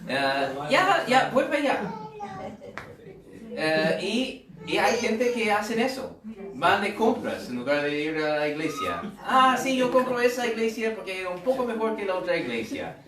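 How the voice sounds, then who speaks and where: An American pastor preaches a sermon in a high-pitched, sing-song voice at a moderate pace, loose and humorous with conversational asides and rhetorical questions. He is off-mic and distant in an echoey room, with crowd noise audible.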